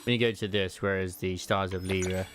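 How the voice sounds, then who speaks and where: A man's voice: sits low, level tone, fairly quick, over music. A man streaming a game, chatting casually and reading the game's dialogue aloud, rambling with frequent laughs and filler words.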